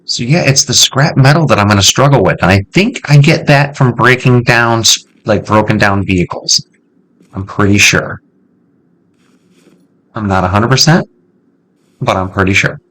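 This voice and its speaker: A man hosting a casual let's-play, chatting to himself in an excitable way and swearing freely as he loots. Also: lowish voice, normal speed, long pauses. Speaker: gameplay video host.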